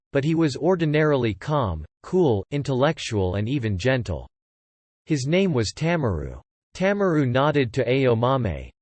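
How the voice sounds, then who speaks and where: A man narrates a scripted audiobook, his mid-range voice full of lively, shifting intonation. The close, dry recording carries no room sound at all.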